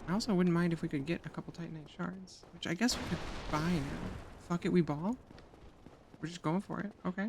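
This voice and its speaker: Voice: medium pitch, fairly even intonation, fairly quick, gravelly, noisy background. A streamer giving casual gameplay commentary, chatty and joking, swearing now and then and talking to the chat.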